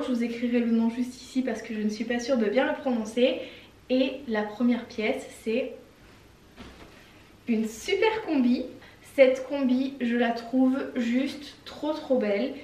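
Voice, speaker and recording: Young female fashion vlogger, chatty and upbeat, French accent, slightly high voice, roomy far-off sound. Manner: chatty and enthusiastic, gushing over clothes. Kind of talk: casual try-on haul chat. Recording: echoey room, mic some distance away.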